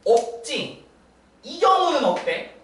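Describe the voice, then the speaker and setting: A woman's voice: sits high, very animated, slow pace, a bit bright. A young woman tutoring math one-on-one, walking a student through each step and checking in with frequent tag questions. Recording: roomy distant mic with faint noise.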